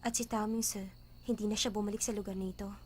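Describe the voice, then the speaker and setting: A woman dubbing the part of a proud, sharp-tongued poor young woman in a drama. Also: mid-range voice, flat delivery, quick pace, background noise, natural voice. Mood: brooding. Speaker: dub actress. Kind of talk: Tagalog drama dub. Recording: dub with faint music underneath.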